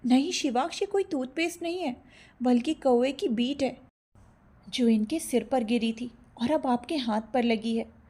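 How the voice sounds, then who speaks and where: A woman voicing a feisty, mischievous young college woman who is cheeky and quick to protest. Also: sits high, mellow, breathy edge.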